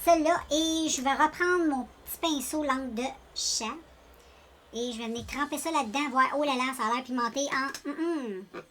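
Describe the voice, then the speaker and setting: In this makeup tutorial, a beauty vlogger with a Quebec French accent talks to her viewers in a chatty, rambling way, often making self-deprecating jokes. Her voice sits high with a fairly bright tone at a normal speed, and a little hiss or hum can be heard.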